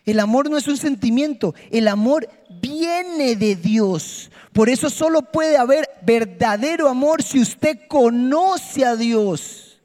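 A man preaching an impassioned, emphatic sermon in a church, swinging between soft and loud. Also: very high-pitched, lively intonation, slow. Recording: long hall reverb with faint music.

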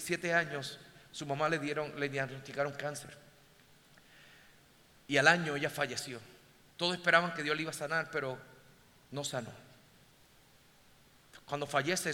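Preaching man in a reverberant hall. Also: a little high. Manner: swings from hushed intimacy to loud exhortation. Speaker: pastor. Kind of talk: storytelling sermon. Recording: long hall reverb, faint ambience.

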